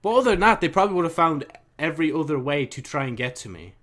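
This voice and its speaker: A man's voice: on the high side, animated, fast talker, fairly bright tone. A young man commenting on a game as he plays, reacting in an exasperated way and swearing often while talking himself through his choices. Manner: talks to himself while choosing dialogue options. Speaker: gaming channel host. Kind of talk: let's-play commentary.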